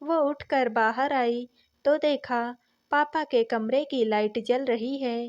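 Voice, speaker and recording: Slow, gentle woman storyteller. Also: high-pitched, steady tone, dull audio. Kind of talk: scripted story narration.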